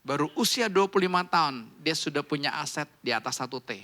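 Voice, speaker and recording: A middle-aged man preaching a sermon as pastor, conversational and animated, with sudden loud rises in pitch and volume. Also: brisk. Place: church hall.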